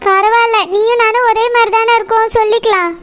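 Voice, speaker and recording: A performer voicing a caring, insistent older sister in a cartoon, talking quickly and coaxingly. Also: very high-pitched, level tone, fairly bright tone. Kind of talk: cartoon voice acting.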